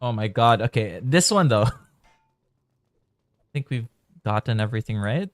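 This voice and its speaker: A man's voice: medium pitch, animated, moderate pace, no room sound. A man from the Philippines giving casual, rambling commentary while live-streaming a game. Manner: chatty, rambling, thinking aloud.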